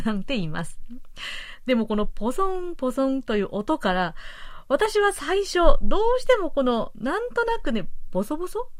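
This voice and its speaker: A woman's voice: fairly high pitch, no room sound. A woman radio host explaining words in a friendly, patient way, with light laughs, speaking into a studio microphone.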